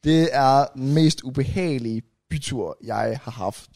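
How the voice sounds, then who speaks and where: A young man casually retelling a long night out on a podcast, rambling and animated with many restarts. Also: medium pitch, no room sound, clean studio sound. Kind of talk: casual storytelling chat.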